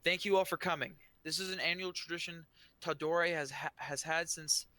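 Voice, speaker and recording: A man's voice: mid-range voice, level tone, measured pace, sharp tone, smooth, no echo. A man voicing a stern male general giving a formal speech to a festival crowd in a tabletop game.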